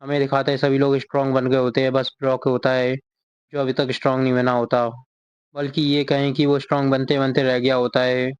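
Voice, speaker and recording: A man's voice: mid-range voice, completely flat delivery, fairly quick, smooth, no room sound, muffled recording. A man casually retelling a manga chapter as a recap narrator. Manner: reads character lines in the same plain voice.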